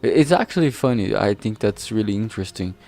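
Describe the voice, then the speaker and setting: A streamer who writes games as an amateur chats casually on his livestream, talking off the cuff in a rambling, halting way, often losing his thread as he searches for words and swears casually. His lowish voice has a strong creak and sounds expressive and a little mellow through a filtered streaming mic, with background music playing.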